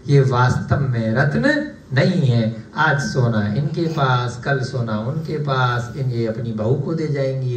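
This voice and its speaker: A man teaching a scripture class. He explains the text in measured steps, repeats key terms, and asks the class questions that he then answers himself. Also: mid-range voice, darkish tone. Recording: echoey room, voice from a distance.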